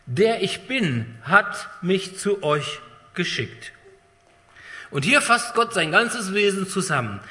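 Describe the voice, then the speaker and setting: A man preaching a sermon with dramatic swings between loud emphasis and hushed, drawn-out phrases. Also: fairly high pitch. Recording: long hall reverb.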